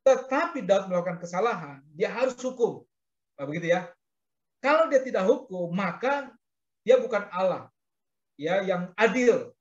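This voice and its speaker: Animated preacher man, roomy sound. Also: dull audio. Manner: addresses listeners as "saudara", frequent "begitu ya" tags; animated, acts out quoted speech with rising pitch. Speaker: pastor teaching a Bible reading class. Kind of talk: sermon-style Bible teaching.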